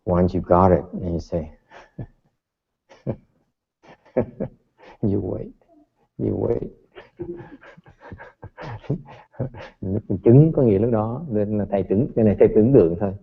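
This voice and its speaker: A man's voice: lowish voice, moderate pace, creaky, long pauses, slightly rough. A man delivers a playful Buddhist dharma talk, acting out little scenes and laughing as he goes. His voice rings with the long reverb of a hall. The audio is dull and muffled. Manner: playful, mixes English and Vietnamese, acts out quotes. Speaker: Buddhist teacher.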